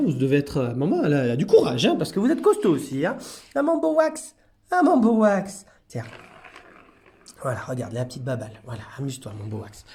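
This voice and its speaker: A man who runs a cat hotel, speaking casually to camera in an indoor cat room, cooing at the cats in a high sing-song voice and then explaining calmly to viewers. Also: echoey room. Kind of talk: casual vlog commentary.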